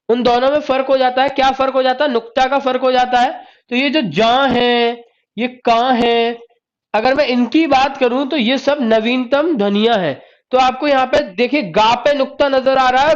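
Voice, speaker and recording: A male Hindi teacher running a live online exam-prep class, repeating points, quizzing students and praising them by name. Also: extremely high pitch. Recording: dull lo-fi stream audio.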